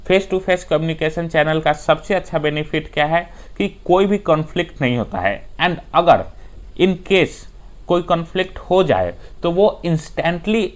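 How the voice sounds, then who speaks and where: A man tutoring in a lecture style, reading English points with an Indian accent and then explaining them in Hindi. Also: fairly high pitch. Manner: unhurried explainer who often starts with "dekhiye".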